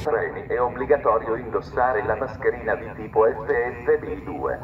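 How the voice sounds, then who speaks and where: Man on a station loudspeaker. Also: fairly low pitch, lively intonation, normal speed, lo-fi sound, heavy background noise. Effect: train station loudspeaker announcement. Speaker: station announcer. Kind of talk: recorded public announcement. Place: railway station platform. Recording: distant loudspeaker, loud passing trains.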